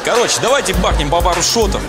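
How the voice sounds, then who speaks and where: A man's voice: high voice, expressive, fast. An actor playing a cocky, impatient young club lad in a comedy sketch, a man talking in dismissive slang. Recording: loud music and club crowd.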